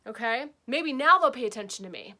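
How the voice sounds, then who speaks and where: Woman healing teacher, casual spiritual talk, bright and a bit high-pitched, chatty check-ins. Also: expressive, fairly quick. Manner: chatty, keeps checking in with "okay?" and "right?".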